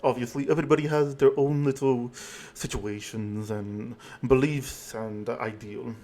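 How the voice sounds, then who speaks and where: A man playing a chatty, friendly male ally in a tabletop game, fussing with concerned questions. The voice stays at an average pitch, close to his everyday talk. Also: fairly even intonation, unhurried, dark tone, close to an everyday voice.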